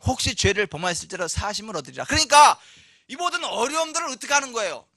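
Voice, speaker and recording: A male pastor preaching a sermon, shifting from chatty, joking asides to loud, emphatic proclamations. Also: high-pitched, sing-song, very fast, creaky, dry recording. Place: church sanctuary.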